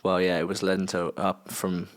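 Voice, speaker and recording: A man's voice: deep voice, monotone, moderate pace. A young man from the South of England co-hosting a casual sports podcast, joking and laughing as he chats. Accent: Southern English. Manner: jokey, laughs a lot, trails off mid-thought. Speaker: podcast co-host. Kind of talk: casual chat.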